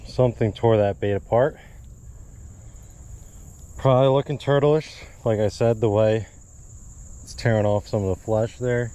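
Recording on a body-worn action camera, a man narrates his fishing trip at a marsh pond in a relaxed outdoor vlog, talking casually and musing aloud. His dark, lowish voice stays steady at a measured pace, broken by long pauses.

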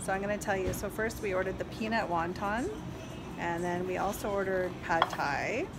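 A food vlogger in her thirties reviews a restaurant casually, chatty and enthusiastic, holding a phone camera at arm's length. She speaks at a moderate pace in a fairly low voice over loud music. She starts indoors in the restaurant and later moves outdoors by a parking lot.

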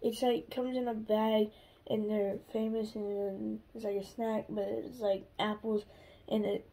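A woman's voice: medium pitch, flat delivery, measured pace, dark tone, rough recording. A woman co-hosting a casual snack-tasting video, chatty and rambling as she searches for words. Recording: home video with clear background hiss.

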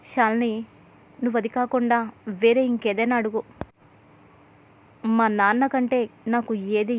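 A woman's voice: on the high side, lightly acted. A woman voicing a meek grown son who apologizes and pleads with his wife. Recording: tinny phone-like audio.

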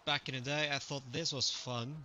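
A man's voice: medium pitch, normal speed, a little hiss or hum. A man streaming a strategy game, chatting casually with viewers as he plays. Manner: relaxed, chatty, greets viewers. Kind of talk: live gaming commentary.

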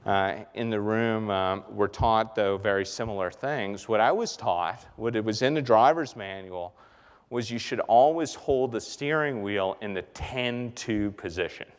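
A middle-aged man from the Bahamas giving an animated keynote talk on a conference stage, pacing and gesturing as he speaks. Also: on the low side, a little slow, smooth. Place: large conference hall stage. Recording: reverberant hall.

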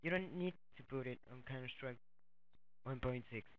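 A young man, not a native English speaker, walks through a software tutorial in a halting way, repeating words and using many fillers. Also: mid-range voice, dry recording. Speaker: tutorial host. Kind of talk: casual screen-recorded tutorial walkthrough. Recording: dull lo-fi dry mic.

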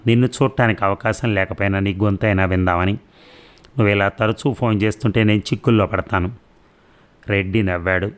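Low-voiced man reading a story aloud. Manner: reads all the characters' dialogue in his own voice. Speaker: narrator. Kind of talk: storybook narration.

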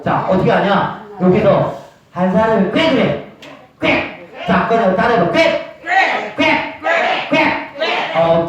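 A high-pitched man runs a recreation game for seniors, snapping out brisk, repeated cues. He is picked up from far across the room, so his voice rings through heavy echo and sounds dull and muffled. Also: darkish tone. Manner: brisk, repetitive coaching, calling out cues. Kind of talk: leading a group game for seniors.

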